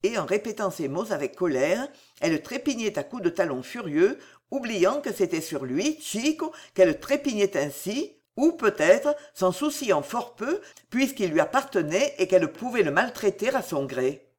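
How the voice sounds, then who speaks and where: A narrator giving a dramatic, expressive reading of a period novel. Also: medium pitch, moderate pace, slightly rough.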